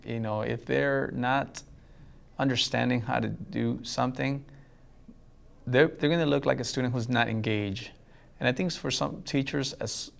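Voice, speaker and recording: Gravelly-voiced male teacher, Spanish native. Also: mid-range voice. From El Salvador. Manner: reflective, with frequent fillers and restarts. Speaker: math teacher. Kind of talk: interview.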